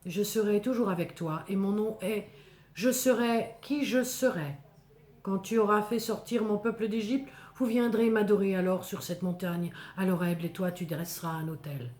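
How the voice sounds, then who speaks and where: A woman's voice: mid-range voice, moderate pace, a little mellow, close to an everyday voice. Woman voicing commanding divine voice, echoing. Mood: solemn. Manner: commanding, solemn biblical declamation. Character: God speaking from burning bush, solemn, commanding, divine. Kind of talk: dramatic biblical narration. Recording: echoing, reverberant voice recording.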